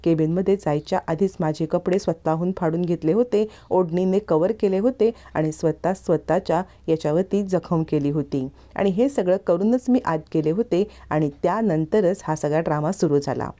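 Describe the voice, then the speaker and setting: A woman's voice: fairly low pitch, moderate pace, few pauses, warm tone, lightly acted. A woman voicing a manipulative hired schemer who talks in a brash, demanding way.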